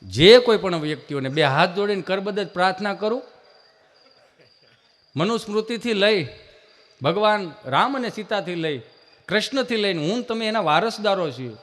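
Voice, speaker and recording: A man doing live folk comedy storytelling on stage, animated and acting out family characters. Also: high voice, normal speed, long pauses. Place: live stage event with audience.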